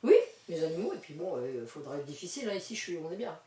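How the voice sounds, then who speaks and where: A woman's voice: low-pitched, sing-song, fast. Chatty older woman, roomy distant sound. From western France countryside. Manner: chatty, lots of fillers, warm laughing asides. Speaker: interview guest. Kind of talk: casual interview chat.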